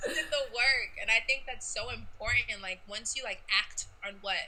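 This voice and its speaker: A young woman from New York talks as a podcast guest, lively and full of slang as she encourages her friend. Her voice sits fairly high and rings very bright and sharp. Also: normal speed, slight background noise, low-quality recording. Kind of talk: casual chat.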